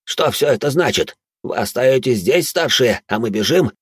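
A man's voice: medium pitch, lively intonation, moderate pace, a bit bright, slightly rough, no echo, clean studio sound, pitched above the performer's own voice. A man doing an anxious young junior. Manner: anxious, questioning. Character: young male junior, earnest and questioning.

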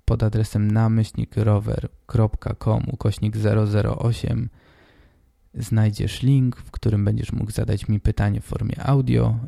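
A man in his twenties hosting a casual solo podcast, hoarse and congested with a stuffy nose, talking informally and directly to the listener. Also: fairly low pitch, dark tone, dry recording, clean studio sound. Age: 20s. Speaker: podcast host.

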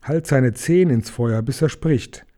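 A man's voice: mid-range voice, measured pace, dark tone, close to an everyday voice. A man voicing a quarrelsome, threatening male troll in a storybook reading. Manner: gruff, bullying.

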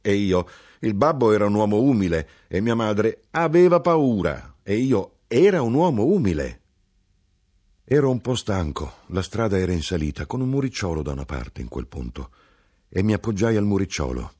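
A man reading a literary novel aloud in a slow, reflective manner, dropping low on quiet asides. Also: expressive, husky. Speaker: audiobook narrator.

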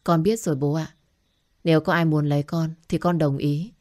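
Narrator doing a quiet obedient daughter in an audio story, low soft voice. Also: female voice, fairly even intonation, normal speed, no echo, studio quality, natural voice. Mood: resigned. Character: meek young daughter, sad and obedient.

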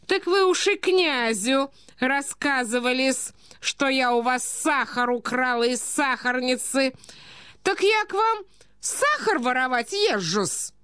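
Woman playing a shrill, quarrelsome provincial lady. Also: animated, slow pace, clear, resonant tone, no echo, clean studio sound, full character voice. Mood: indignant. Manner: sharp, indignant, clipped "-с" endings.

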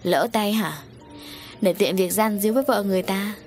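A woman's voice: medium pitch, moderate pace, darkish tone, soft background music, lightly acted. A woman voicing a jealous, vicious middle-aged wife who accuses and sneers. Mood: jealous accusing.

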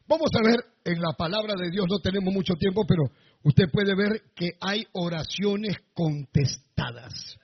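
A male pastor preaching a sermon to a congregation, with sudden shouted bursts. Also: high voice, vocal fry, husky, muffled recording. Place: church before a congregation.

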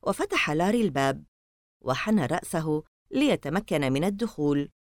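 A woman narrating an audiobook novel with expressive storytelling. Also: low voice, moderate pace, dry recording, clean studio sound.

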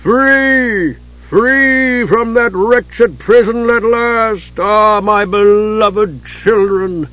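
A man voicing a huge, mocking male fire giant, the father of chaos, with a slow, booming, taunting delivery. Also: bright, forceful tone, dry recording, dull audio, full character voice. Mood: triumphant.

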